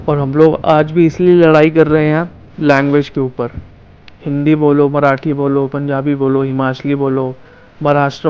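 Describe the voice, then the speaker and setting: A man's voice: a little high, darkish tone, smooth, highs cut off. A man from Himachal Pradesh narrating a travel vlog in a chatty way, talking straight to his viewers. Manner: chatty, addresses viewers as guys. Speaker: travel vlogger.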